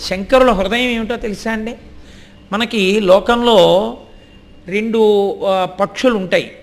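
A middle-aged man giving a devotional storytelling discourse, animated and speaking straight to his listeners. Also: high-pitched, slow pace. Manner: animated, addresses listeners directly, acts out voices and chants Sanskrit verses.

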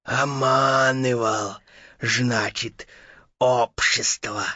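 A gruff, suspicious male forest spirit, as a man plays him grumbles in a low, dragging drawl. The recording is dry and dull. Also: steady tone, sharp tone, dry recording, heavily acted. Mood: grumbling. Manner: slow, grumbling.

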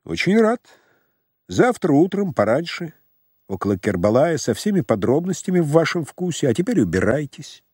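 Guy doing a cold sneering scientist type, calm and cutting, dry close sound. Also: on the high side, moderate pace, breathy edge, no echo, pitched above the performer's own voice. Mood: cold disdain. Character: cool, contemptuous zoologist man.

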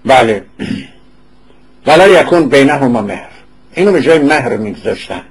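Male lecturer with a husky voice. Reads passages aloud, then explains them in a relaxed, conversational way. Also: medium pitch, low-quality recording. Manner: repeats and corrects words to settle pronunciation. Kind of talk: informal lecture.

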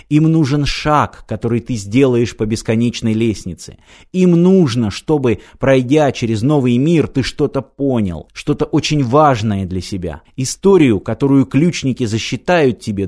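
Man reading as a sharp, teasing young woman. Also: medium pitch.

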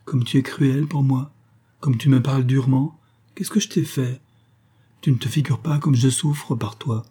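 A man's voice: mid-range voice, level tone, normal speed, a little mellow, slightly rough. A man reading an audiobook, voicing a desperate older woman who pleads with her lover and reproaches him plaintively. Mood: pleading, wounded. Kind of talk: audiobook character voice.

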